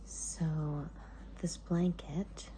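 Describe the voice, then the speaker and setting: A woman hosting ASMR in a soft, hushed whisper, speaking in short unhurried phrases with pauses between them. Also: lowish voice, fairly even intonation, low-quality recording. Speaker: ASMR host.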